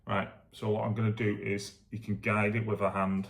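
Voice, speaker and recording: A man with a gravelly voice chatting casually as a vlogger, thinking aloud in a self-deprecating, rambling way while demonstrating exercises. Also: fairly low pitch, level tone, moderate pace. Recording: echoey room.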